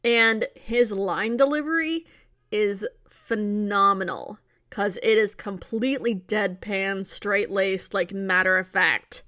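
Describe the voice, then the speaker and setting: A woman co-hosting a podcast, recapping a movie plot in casual chat with wry, deadpan asides. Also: mid-range voice, slow, no echo, studio quality. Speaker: podcast co-host.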